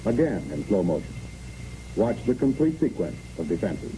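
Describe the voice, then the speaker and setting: An American man with a deep voice and big pitch swings narrates a scripted 1960s military training film at a moderate pace. He gives clipped, imperative, step-by-step commands, and the recording sounds noisy and muffled.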